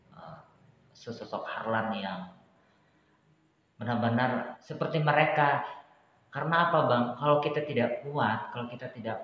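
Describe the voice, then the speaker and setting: A man speaking as an interview guest, hesitant with many pauses and restarts, growing lively as he recounts events. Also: medium pitch, a little hiss or hum. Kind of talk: candid personal conversation. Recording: echoey room, dull sound.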